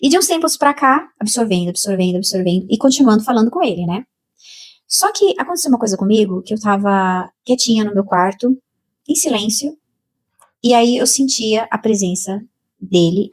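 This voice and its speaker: A Brazilian woman slowly and emotionally telling a personal spiritual testimony, with many repetitions. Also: medium pitch, a little mellow, breathy edge. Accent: Brazilian Portuguese. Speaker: spiritual channel host.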